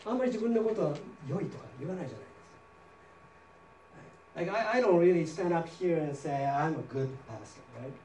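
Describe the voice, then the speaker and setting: A male pastor giving a conversational sermon, often checking in with his listeners with quick questions. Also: high-pitched, lively intonation, mellow, a little hiss or hum. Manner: chatty preaching with frequent tag questions. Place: church sanctuary. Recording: roomy hall picked up from a distance.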